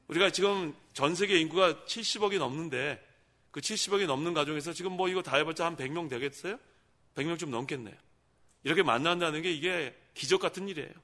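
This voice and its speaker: Middle-aged male pastor, bright and forceful tone, chatty call-and-response sermon style. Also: on the high side. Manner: conversational preaching, asking the congregation questions and answering them. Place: church sanctuary.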